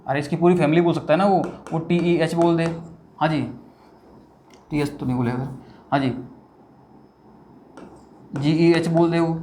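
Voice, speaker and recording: There's a light hiss or hum behind this fairly high-pitched, slightly mellow male voice. It belongs to a man teaching chemistry on a whiteboard who talks conversationally, answers his own questions, and says "bhaiya" and "theek hai" a lot.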